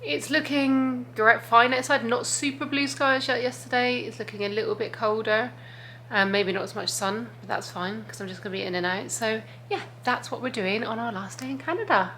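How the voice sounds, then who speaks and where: A woman's voice: on the high side, moderate pace, bright, forceful tone, a little hiss or hum. A woman chatting casually and informally to camera as a travel vlogger, rambling and confiding.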